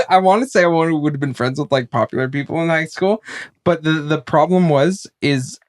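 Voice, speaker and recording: A young man with a somewhat high voice, chatting on a podcast and tripping over his words, repeating himself as he restarts his thoughts. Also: expressive. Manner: stammering, halting, many restarts. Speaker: podcast co-host. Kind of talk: casual chat.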